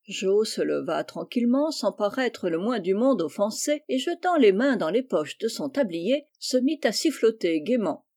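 A woman narrating a classic novel as an audiobook. She reads in a measured, deliberate way at a middling pitch. The recording is dry and close to the mic. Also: very animated, warm tone, dry recording. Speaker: audiobook reader.

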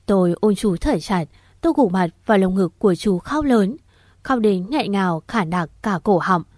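A woman reading an emotional first-person story in a steady storytelling voice. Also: mid-range voice, moderate pace, dry recording, clean studio sound. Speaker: narrator.

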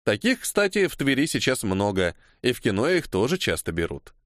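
A man reading a first-person novel aloud as audiobook narration, in an expressive manner. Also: medium pitch, a little fast, no room sound, clean studio sound.

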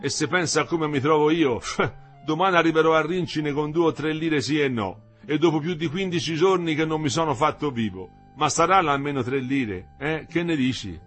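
A man's voice: a little high, normal speed, a bit bright, soft background music, pitched above the performer's own voice. A man voicing Olindo, a worker who grumbles about money in a coaxing, plaintive way. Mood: grumbling. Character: Olindo, older male worker, grumbling and wheedling.

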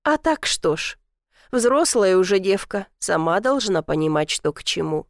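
A woman's voice: medium pitch, very animated, measured pace, no room sound, studio quality. A woman voicing a teasing, doting old village grandmother who talks in a folksy, sly way.

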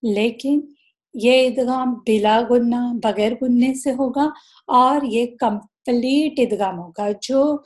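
A woman teaching Quran recitation rules in a recorded lesson, explaining slowly, drawing out each recited example and mixing English words into her talk. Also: on the high side, a little mellow.

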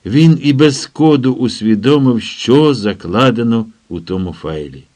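A man narrating an audiobook in a measured, steady scripted reading. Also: medium pitch.

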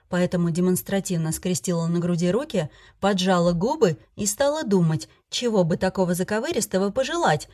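A woman's voice: medium pitch, darkish tone. Woman narrating a first-person novel. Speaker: audiobook narrator.

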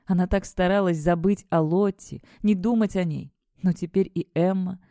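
Mellow audiobook narrator, steady measured read, super dry close mic. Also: medium pitch, dry recording.

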